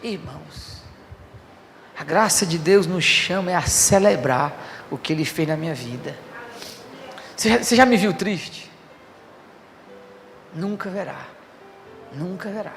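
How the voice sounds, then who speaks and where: A male pastor preaching a fervent sermon, swinging from hushed passages to loud declarations. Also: high-pitched, lively intonation, a little slow, vocal fry, pauses often, big-room sound, soft background music.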